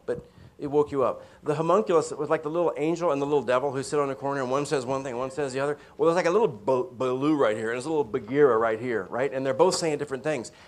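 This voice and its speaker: Conversational man lecturing a workshop. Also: medium pitch. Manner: conversational, asks audience "right?" often. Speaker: mentoring workshop presenter. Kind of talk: lecture to a live audience.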